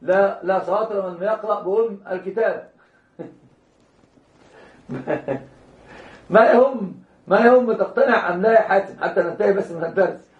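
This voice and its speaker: A man whose voice sits high teaches Islamic law at a moderate pace, with long pauses. He addresses the class directly, repeats and restarts words, and occasionally chuckles; the lecture recording sounds roomy, dull, and lo-fi.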